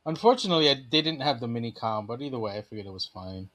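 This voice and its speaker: A man hosting a casual podcast chat about collectible toys. His throat is phlegmy and he clears it often, and he talks in an easygoing, chatty way with lots of fillers. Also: mid-range voice, expressive, rapid-fire, a bit bright. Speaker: podcast host.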